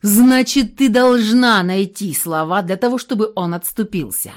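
A woman's voice: medium pitch, measured pace, close to an everyday voice. A woman reading a cruel, menacing husband. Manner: shouting insults, then sneering and cold. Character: cruel scheming husband, grown man, cold and menacing. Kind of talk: audiobook character reading.

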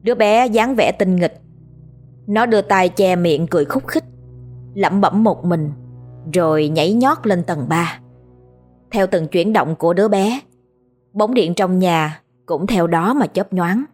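A woman telling a scripted horror story in a steady, measured way. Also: on the low side, faint music behind.

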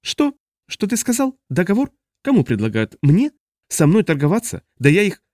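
A man voicing an impatient, domineering alien male who gurgles and croaks out commands. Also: a little high, sing-song, quick pace, darkish tone, no echo, studio quality, pitched above the performer's own voice. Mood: demanding.

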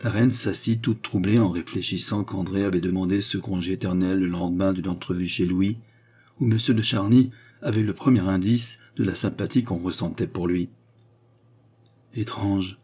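A man reading a classic novel aloud as an audiobook, with measured storytelling and lightly voiced dialogue. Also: low-pitched, steady tone, mellow, breathy edge. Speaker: audiobook reader. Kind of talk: scripted narration of a classic novel.

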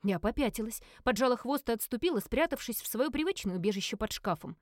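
A woman narrating a first-person audiobook in a lively acted reading, briefly giving each character a voice. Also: on the high side, fast, no echo, studio quality.

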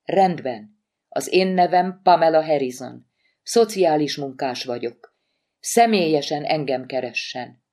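A woman voicing a calm, formal woman social worker on the phone, in an audiobook. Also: low voice.

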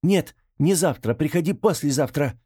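A man voicing a frightened, meek young woman in a high, trembling voice. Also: lively intonation, normal speed, dark tone, breathy edge.

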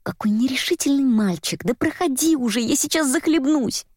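Woman doing a sharp, urgent heroine, exasperated, a bit raised pitch, dry sound. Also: animated, moderate pace, no room sound. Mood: impatient. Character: desperate, sharp-tongued woman trapped in a bath.

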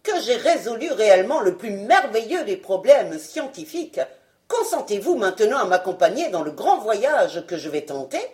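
Give me a woman playing an old male scientist in an audiobook, animated and a bit high. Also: moderate pace, natural voice. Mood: grave. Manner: grave then shrill when alarmed. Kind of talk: audiobook character reading.

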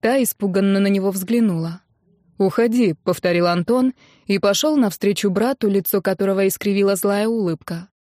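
A woman's voice: medium pitch, fairly quick, mellow, no room sound, studio quality. Woman narrating an audiobook. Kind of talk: scripted narration.

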